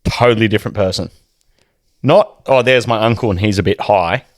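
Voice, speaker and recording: Swearing Australian bloke telling a story. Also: male voice, fairly low pitch, fairly quick, dry recording, studio quality. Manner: animated, swearing, acts out quotes in a raised voice. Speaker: podcast co-host. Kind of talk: casual storytelling chat.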